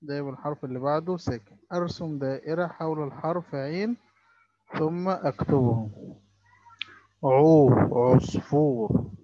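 A man with an Egyptian Arabic accent teaches young children, drawing out each sound as he spells words. His voice is slightly high, slightly quick and slightly mellow, captured in a dry, dull recording.

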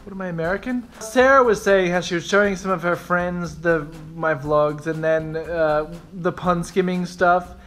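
A man's voice: high voice, steady tone, normal speed, hardly any pauses, a bit bright. A young man talking casually to his camera in a rambling, self-mocking vlog monologue. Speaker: vlogger.

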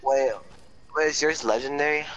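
A man's voice: a little high, steady tone, moderate pace, a bit bright, dull audio. A man in casual gaming chat with a friend, laid-back and swearing casually while he plays. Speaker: gamer.

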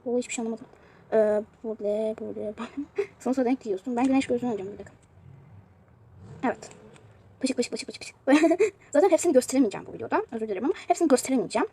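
A woman's voice: fairly high pitch, rapid-fire, creaky, mellow, husky. A woman giving casual commentary on a mobile game she is playing, chatty and prone to exasperated outbursts. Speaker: youtuber showing a mobile game.

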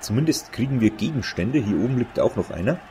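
A man giving casual let's play commentary, musing to himself in an unhurried way. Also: mid-range voice, expressive, dark tone, slight background noise. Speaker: let's player.

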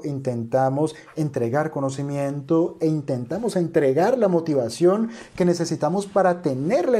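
Man, investor, reaction commentary, mellow dark tone, earnest, motivational, talks to viewers. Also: fairly high pitch.

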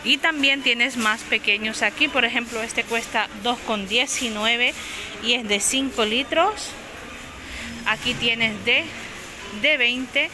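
Filming on a handheld phone inside a large discount supermarket, a woman shopping vlogger speaks slowly in a high-leaning voice, casually listing prices and sizes and correcting herself. The low-quality recording has background music playing under her voice.

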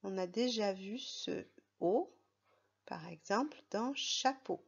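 A woman's voice: medium pitch, lively intonation, slow, creaky, husky, dull audio. A woman teaching a reading lesson to young children, patient and careful, spelling words out letter by letter. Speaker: primary school teacher.

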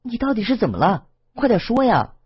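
一名男性朗读者在有声小说中扮演一个焦急不安、连声追问的年轻女子，录音音质发闷。. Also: male voice, a little high, wildly swooping pitch, brisk, husky, highs cut off, voice pushed up, full character voice. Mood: anxious. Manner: urgent, pleading questions.

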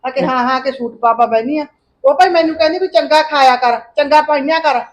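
A woman's voice: sits high, brisk, natural voice. A woman playing an elderly, ailing village mother who complains about her daughters-in-law. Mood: complaining.

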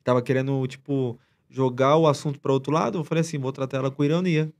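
A man's voice: mid-range voice, fairly even intonation, quick pace, darkish tone. A man as a podcast guest, retelling a story in a rambling, slangy way with many restarts. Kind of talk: casual storytelling chat.

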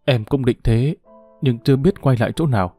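A man's voice: medium pitch, fairly quick, mellow, faint music behind, close to an everyday voice. A man voicing a desperate young father who calls out pleadingly for his missing wife. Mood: weary, humble. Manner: calling out pleading and plaintive.

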